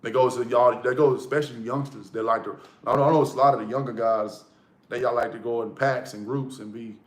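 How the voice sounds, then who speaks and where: A man's voice: medium pitch, fairly even intonation, brisk. A man giving a casual motivational monologue, blunt and profane, repeating key lines for emphasis. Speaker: motivational vlogger. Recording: echoey room.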